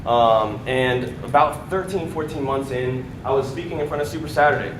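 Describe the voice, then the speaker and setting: At a sales event, a young American guy speaks to an audience in a mid-range voice at a moderate pace, his testimonial loose and full of fillers and "right?" tags. The big hall gives an echoey sound, and background noise is audible.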